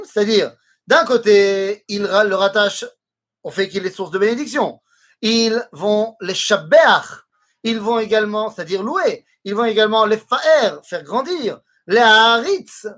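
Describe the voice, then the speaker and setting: A man teaching a Torah lesson, explaining words slowly and weaving in Hebrew quotations. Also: high voice, a bit bright, slightly rough.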